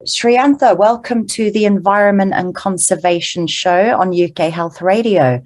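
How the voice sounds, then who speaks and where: A woman's voice: medium pitch, measured pace, a little mellow. A woman hosting a radio interview, asking questions in a friendly, polite way. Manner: friendly, asks questions with "please". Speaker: radio show host.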